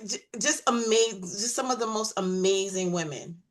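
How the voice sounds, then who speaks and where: A woman's voice: medium pitch, normal speed. A woman from Brooklyn with a Brooklyn accent, telling stories animatedly and laughing as a panelist in a casual chat. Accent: Brooklyn New York. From Brooklyn, New York.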